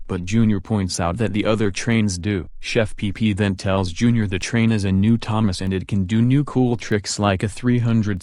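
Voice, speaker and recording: Brief: young man doing a put-on ranting character voice, lowish, recap of a video he dislikes. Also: a little mellow, no echo, close to an everyday voice. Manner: puts on a character voice he calls his rant voice. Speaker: video reviewer.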